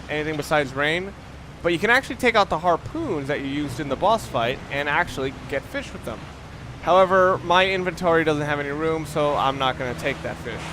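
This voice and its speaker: A man's slightly high voice comes through over background noise as he casually comments on a video game. His let's play style is wry and rambling, with frequent self-interruptions and restarted sentences.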